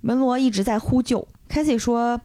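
A woman podcast host in casual chat, retelling a film plot with animated storytelling and briefly acting out the characters' lines. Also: a little high, normal speed, dry recording, clean studio sound.

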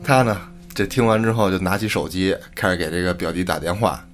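A man hosting a podcast and telling a spooky tale in a colloquial, relaxed way. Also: deep voice, brisk. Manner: colloquial, relaxed, casual swearing. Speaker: podcast host. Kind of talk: storytelling narration.

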